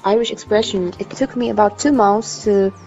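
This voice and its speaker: Polish-accented woman, podcast co-host, gravelly and self-mocking, muffled lo-fi recording. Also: mid-range voice, fairly even intonation, normal speed, darkish tone, soft background music. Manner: laughing, joking, self-deprecating. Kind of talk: casual chat.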